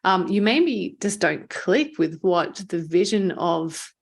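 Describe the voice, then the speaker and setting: A podcast host who owns a marketing agency chats in a conversational interview, sounding encouraging and affirming. Her fairly low, creaky voice moves slowly with lively intonation.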